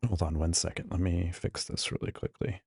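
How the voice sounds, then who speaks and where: A man with a deep, creaky, husky voice and a darkish tone talks fairly quickly in a flat delivery, recorded dry. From a hotel room, he hosts a casual live stream as his voice fails, greeting viewers one at a time on a studio microphone plugged into a laptop.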